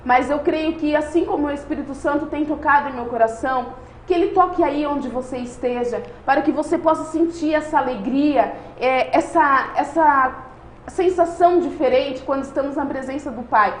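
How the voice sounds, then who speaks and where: A woman's voice: high-pitched, normal speed. A woman with a Brazilian accent hosting a live online show, speaking fervently and reading out viewer comments. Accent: Brazilian Portuguese. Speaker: host. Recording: echoey room with faint noise.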